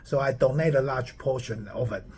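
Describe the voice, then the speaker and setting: This man in his forties, a Taiwanese startup founder, chats casually to his phone camera in a mid-range, darkish voice at a normal speed. He rambles, repeats words, and keeps stopping to ask "okay?".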